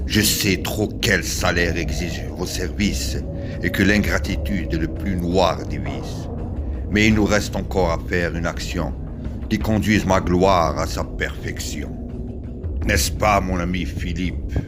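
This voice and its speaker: A man playing a proud, victorious warrior king in a classical verse tragedy, with grand, solemn tragic stage declamation and weighty pauses. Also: low-pitched, music in the background. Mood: solemn triumph. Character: proud victorious king and war leader, grave and lofty.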